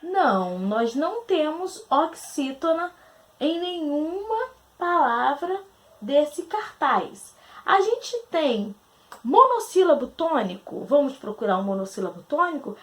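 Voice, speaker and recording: High, lively-voiced woman teacher. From Brazil. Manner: asks questions aloud and answers them herself; spells out syllables slowly and deliberately. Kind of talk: recorded grammar lesson.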